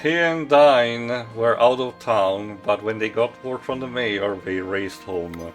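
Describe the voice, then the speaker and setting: A man's voice: lowish voice, slow, soft background music. A man hosting a let's play, giving casual, explanatory commentary and plot narration with a wry manner.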